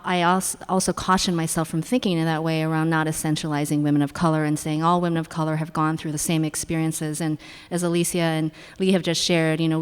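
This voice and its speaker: Smooth-voiced woman in an echoing hall. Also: low voice. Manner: thoughtful, reflective, with fillers. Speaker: psychologist panelist. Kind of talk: panel discussion talk. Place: university lecture hall. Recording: long hall reverb.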